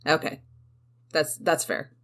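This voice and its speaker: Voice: slow, fairly bright tone. A game master running a tabletop game in a casual, hesitant way with many fillers.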